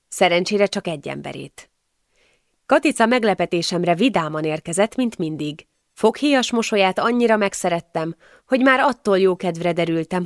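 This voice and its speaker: A woman narrating a first-person audiobook in a calm, measured way. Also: fairly low pitch, gravelly, no room sound, studio quality.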